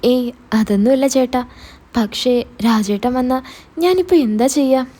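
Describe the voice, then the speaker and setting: A nervous, cheeky young sister, as a woman storyteller puts her on pleads and worries aloud. The tone is mellow and slightly raised. It stays close to the reader's own voice. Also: high voice, unhurried. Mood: anxious.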